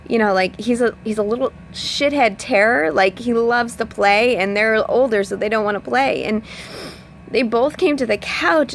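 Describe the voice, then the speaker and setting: A woman's voice: on the high side, vocal fry, fairly bright tone, a little hiss or hum. A woman coach talking in a casual, earnest way, rambling with lots of filler words and speaking openly about her feelings. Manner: rambling, full of "like" and "you know". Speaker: personal development coach. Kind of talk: casual heartfelt vlog talk.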